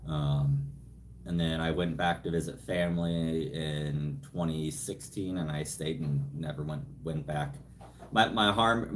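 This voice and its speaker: A Californian man with a rumbling low voice hosts a casual live Q&A from home, rambling and poking fun at himself as he reads viewer comments. He speaks into a phone placed some distance away, and there's a little hiss or hum.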